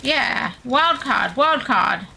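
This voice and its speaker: A woman's voice: sits high, lively intonation, drawn-out words, creaky, sharp tone, a little hiss or hum. An Australian woman streaming a game, chatting casually with her viewers and muttering asides to herself as she plays. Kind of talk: casual livestream chat while gaming.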